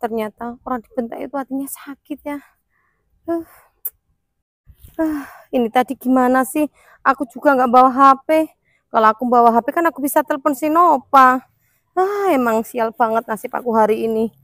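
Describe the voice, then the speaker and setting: A woman's voice: high voice, moderate pace, pauses often, fairly bright tone, no echo, studio quality. A woman playing a fretful middle-aged wife, complaining about her bad luck in a comedy skit. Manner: fretting, complaining to herself.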